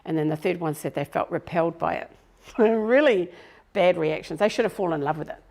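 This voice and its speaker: Gravelly low-voiced New woman coach. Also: a little fast, a little mellow. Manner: chatty and self-deprecating, laughs often. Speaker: business coach presenting a workshop. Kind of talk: live workshop talk to a group. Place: room with a live audience.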